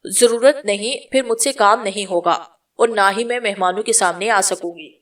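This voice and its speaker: A woman's voice: mid-range voice, a bit bright, distant mic. Woman reading a novel aloud. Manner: reads all the characters' lines in her own voice. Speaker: storyteller. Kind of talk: scripted novel narration.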